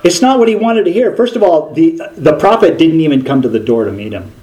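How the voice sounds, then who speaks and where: Animated male preacher telling a story. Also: a little high, fairly quick, poor audio. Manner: animated storytelling with frequent restarts. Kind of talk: sermon.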